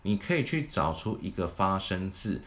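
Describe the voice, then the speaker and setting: A man's voice: low voice, big pitch swings, normal speed, a bit bright. A man teaching a singing lesson, explaining vocal technique methodically, step by step. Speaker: vocal coach.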